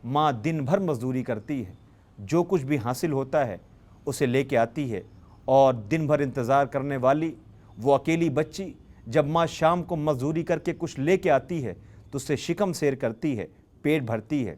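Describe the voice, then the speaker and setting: A man's voice: mid-range voice, darkish tone. A man giving an emotional religious sermon, telling a story with dramatic rises on key phrases. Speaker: religious speaker.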